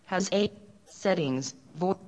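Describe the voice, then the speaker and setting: A synthetic woman's voice reading menu items in slow, clipped fragments, with the audio cutting out. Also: fairly low pitch, darkish tone, big-room sound. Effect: audio dropping out in fragments. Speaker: screen reader speech output.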